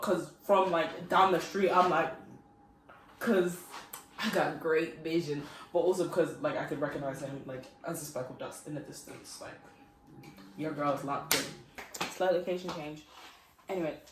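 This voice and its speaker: Young woman rambling thru a story, lots of giggles and likes, kinda low voice, mic far off. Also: normal speed, noisy background. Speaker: vlogger. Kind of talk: casual storytelling. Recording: echoey room, distant mic.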